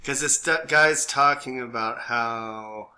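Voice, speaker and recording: Speaking slowly in a mid-range, sharp-toned voice, this American podcast co-host rambles through jokey, casual banter and keeps interrupting himself. The session is recorded in a small room for both podcast and live stream, and background noise is clearly audible.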